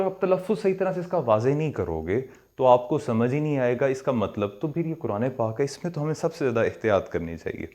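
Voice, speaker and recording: A man's voice: medium pitch, a little mellow. A man with a Pakistani accent teaching recitation pronunciation, explaining step by step, drawing out and repeating sounds and mixing in English words. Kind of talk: pronunciation lesson.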